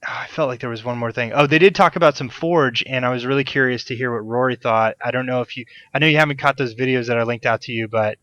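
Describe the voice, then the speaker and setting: A man's voice: mid-range voice, fairly even intonation, fast, hardly any pauses, a bit bright, dry recording, dull audio. A man hosting a podcast in casual chat over a call, enthusiastic and rambling, swearing freely. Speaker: podcast host. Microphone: desk mic on a call.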